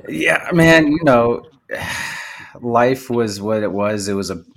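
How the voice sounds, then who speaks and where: A man's voice: mid-range voice, animated, slow, gravelly, fairly bright tone. An American man hosting a podcast, chatting in an informal, buddy-like way. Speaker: podcast host. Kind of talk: casual chat.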